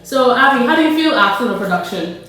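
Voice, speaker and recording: A woman's voice: on the high side, animated, fast talker, a bit bright. A woman hosting an interview podcast and asking plain, prepared questions. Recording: echoey room with faint music.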